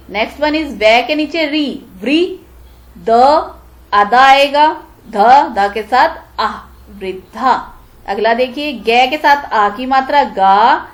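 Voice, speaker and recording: Brief: woman teacher, high voice, patient, asks and answers her own questions. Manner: drawn-out careful pronunciation of words. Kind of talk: Hindi classroom lesson explaining Sanskrit exercises.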